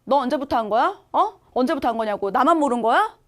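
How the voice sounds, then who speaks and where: A woman reading aloud the lines of a distraught teenage son from a drama script, loud and pleading. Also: high-pitched, expressive, fast talker. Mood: frantic.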